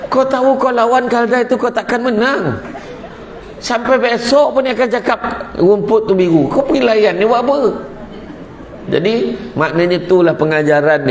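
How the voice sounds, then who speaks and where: A man giving a religious talk, animated and repetitive, breaking into laughter as he tells stories. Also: fairly high pitch. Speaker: preacher. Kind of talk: religious talk with humorous storytelling. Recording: echoey room with faint background noise.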